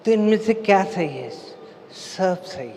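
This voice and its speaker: Speaking slowly in a high, animated, slightly mellow voice, a man delivers a devotional seminar talk to a gathering in a large hall. He asks the audience questions, then supplies the answers himself, while long reverb and faint noise fill the recording.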